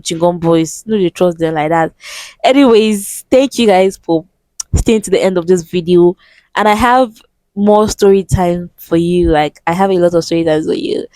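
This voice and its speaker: A woman's voice: lowish voice, warm tone, no echo. A young Nigerian woman in her twenties with a Nigerian accent, telling a storytime on her vlog with sudden exclamations and bits of Pidgin. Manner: switches into Pidgin phrases. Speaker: vlogger.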